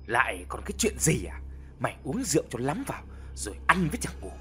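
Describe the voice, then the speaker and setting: A man voicing a stern mother who berates her grown son in a sharp, cutting way. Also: on the low side, big pitch swings, measured pace, soft background music, heavily acted. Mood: scolding.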